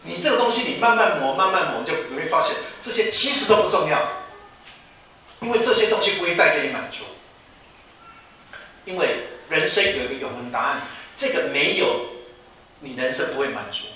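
A man's voice: fairly high pitch, lively intonation, brisk, pauses often, pushed and bright, a little hiss or hum. A male pastor and former professor giving an informal sermon to students, chatty and teasing, with rhetorical questions and laughing asides. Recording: echoey room from a distant mic.

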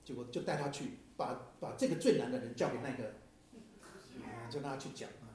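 A man with a medium-pitched, darkish voice delivers a sermon at a brisk pace, mixing in stories and conversational questions for the audience. The recording has a very echoey, hall-like sound.

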